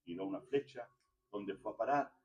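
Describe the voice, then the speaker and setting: A man with a Spanish accent preaching a sermon in a church, fervent, swinging from hushed storytelling to loud shouting. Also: on the low side, moderate pace, echoey room, distant mic, highs cut off.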